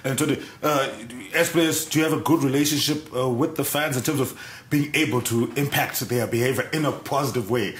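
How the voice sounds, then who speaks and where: A man's voice: medium pitch, fairly even intonation, brisk, few pauses, a little hiss or hum. Man, 30s, TV sports host, studio interview, probing questions, fillers, roomy sound.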